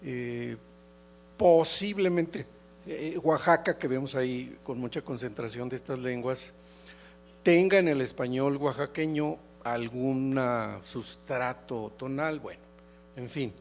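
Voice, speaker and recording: A middle-aged man from León with a Mexican Spanish accent, giving a halting academic lecture full of hesitations and restarts. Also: mid-range voice, a little mellow, a little hiss or hum. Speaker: keynote lecturer.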